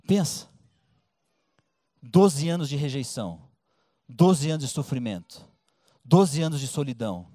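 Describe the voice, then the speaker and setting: Brazilian pastor, high-pitched, dry close sound, lively colloquial storytelling sermon. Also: male voice, a little slow, pauses often, dry recording. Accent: Brazilian Portuguese. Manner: colloquial, animated storytelling with acted-out voices.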